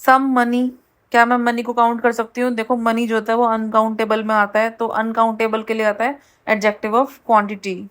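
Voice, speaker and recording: Woman, Indian accent, grammar teacher, higher voice, slow reading then quick explaining. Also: completely flat delivery, smooth. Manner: reads English rules slowly, then explains quickly. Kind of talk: grammar lesson in Hindi and English.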